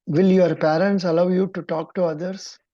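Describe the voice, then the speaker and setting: A woman interview coach speaks in a low, mellow voice with a Kannada-influenced Indian English accent. She is encouraging yet probing, giving instructions as she goes, and the audio is dull and lo-fi. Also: steady tone, normal speed, dry recording.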